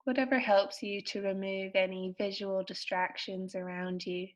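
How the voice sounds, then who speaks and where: Guiding a meditation, a woman speaks at a medium pitch with little movement in her voice. She offers soft, soothing instructions in short, unhurried phrases, leaving space between each, and the recording sounds muffled.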